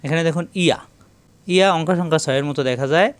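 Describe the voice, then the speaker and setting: Man, higher pitch, Quran reading teacher, patient drills, repeated syllables. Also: clear, resonant tone. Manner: repeats syllables in slow drills and tells viewers to take note. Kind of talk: step-by-step recitation lesson.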